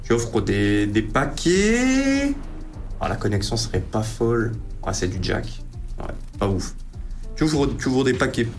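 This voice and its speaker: A man's voice: fairly low pitch, moderate pace, soft background music. A man from northern France with a French accent, chatting casually with his stream viewers in rambling, slangy explanations. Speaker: casino livestreamer.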